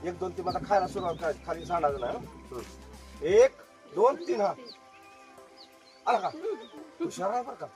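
A middle-aged magician works an outdoor farm crowd. His voice sits high for a man, and he is a joking showman who keeps calling for loud applause. Clear music plays behind him. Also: lively intonation, moderate pace, long pauses. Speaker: magician performing for a tour group. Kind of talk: lively stage patter with crowd banter. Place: outdoors at an agro-tourism farm.

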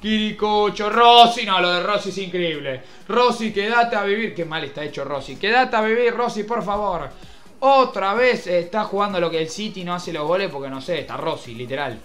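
A young man with an Argentine Spanish accent, doing mock football commentary over a video game, swinging between shouted play-by-play and muttered grumbling. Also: high voice, lively intonation, normal speed, faint music behind. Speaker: gaming youtuber.

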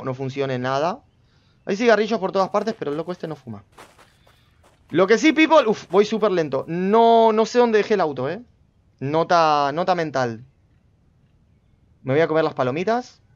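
High-voiced chatty gaming streamer. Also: male voice, highs cut off. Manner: chatty, talks to himself and viewers, sudden loud outbursts. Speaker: gameplay streamer. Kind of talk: casual gameplay commentary.

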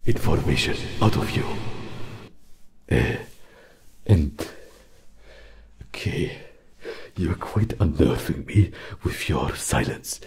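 A man voicing a soft, awkward fox interrogator in a whispered role-play, hesitant and confiding, with a breathy, gravelly voice. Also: a bass voice, exaggerated voice. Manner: halting, hesitant interrogator, gentle.

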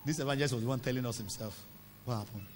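A man preaching a sermon, telling stories and scolding in an animated way. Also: medium pitch, racing. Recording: reverberant hall with faint hum.

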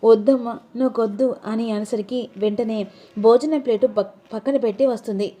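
A woman narrating a TV serial recap in a brisk storytelling manner. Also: on the high side, mellow. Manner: brisk storytelling that acts out the characters' dialogue.

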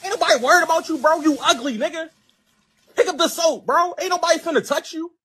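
A man's voice: very high voice, quick pace, dry recording. A man playing a brash, menacing muscular prison inmate in a cartoon comedy skit, with slangy, confrontational talk. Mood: irritated, dismissive. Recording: loud music over the voice.

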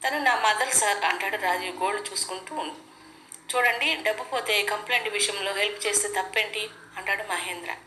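A woman hosting her channel, briskly retelling a TV serial episode in casual narration and quoting the characters' lines in her own voice. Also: mid-range voice, bright, forceful tone. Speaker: channel host recapping a TV serial. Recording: echoey room with faint hiss.

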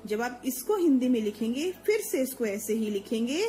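A woman's voice: fairly high pitch, sing-song, normal speed, warm tone, poor audio. A woman teacher patiently explaining Hindi letters to young children, repeating each sound and checking that they follow. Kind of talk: children's Hindi alphabet lesson.

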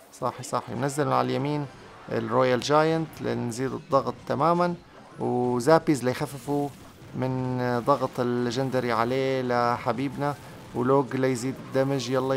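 Gravelly, fast-talking man gaming. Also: medium pitch, soft background music. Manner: excitable, urges on his troops, repeats words. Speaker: gaming YouTuber. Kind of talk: live gameplay commentary.

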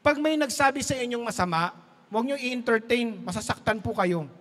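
High-voiced Filipino pastor preaching in a hall. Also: male voice, brisk, fairly bright tone. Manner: jokey, laughs at his own stories, mixes Tagalog and English. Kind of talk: sermon.

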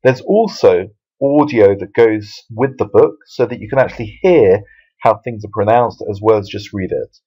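A man's voice: on the low side, a little mellow. Man teaching Bible Hebrew, lo-fi. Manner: explains patiently with fillers and restarts. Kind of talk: video lesson. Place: Jerusalem.

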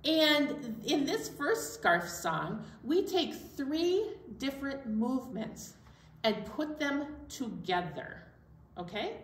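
Taking it slowly, a middle-aged woman with a high, sing-song voice hosts storytime for young children, explaining things simply and speaking right to them. She's in an indoor library storytime room, and the recording is roomy and distant, with faint room noise.

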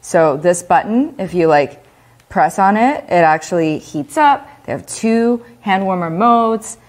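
A woman casually presenting her company's products, relaxed and laughing often between filler-heavy explanations. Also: mid-range voice, a little slow. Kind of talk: casual product demo chat.

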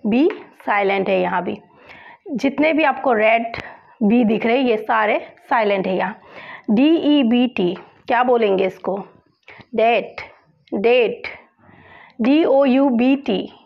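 Woman teacher, unhurried lesson delivery, raspy edge, muffled lo-fi audio. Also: a little high. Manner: slow, patient, asks and answers her own questions. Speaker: English pronunciation teacher. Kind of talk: spoken lesson, spelling words letter by letter.

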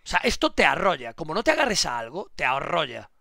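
A man giving casual live-stream commentary, swearing and repeating himself excitedly. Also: a little high, fairly quick, gravelly, heavy background noise.

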